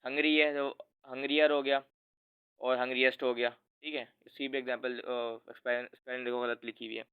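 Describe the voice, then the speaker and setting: A man's voice: mid-range voice, little pitch movement, normal speed, clear, resonant tone. Man teaching grammar over tinny audio. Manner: informal, addresses viewer as friend, self-corrects often. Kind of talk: casual explanatory lesson.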